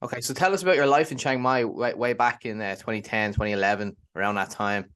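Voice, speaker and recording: A man's voice: medium pitch, steady tone, fast, a bit bright, clear, resonant tone. A man hosting an interview show, chatting in a friendly, upbeat way. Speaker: podcast host and interviewer. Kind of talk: casual interview.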